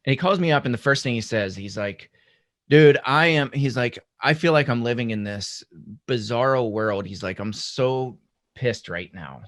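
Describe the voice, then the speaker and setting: Animated man retelling a story. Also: medium pitch, moderate pace. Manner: animated retelling, quotes others at length. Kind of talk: casual podcast conversation.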